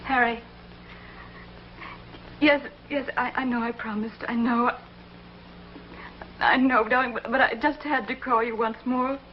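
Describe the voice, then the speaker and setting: An actress playing a lonely, desperate woman on the phone to the lover who left her, tearful, halting and stammering in 1950s television drama style. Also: fairly high pitch, fairly even intonation, a little hiss or hum, natural voice. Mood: pleading. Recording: muffled old TV broadcast with music.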